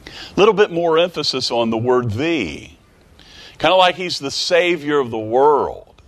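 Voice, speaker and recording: A man's voice: fairly high pitch, animated, a little slow. A man preaching a sermon in a folksy, way. He repeats phrases and climbs to emphatic peaks. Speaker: pastor.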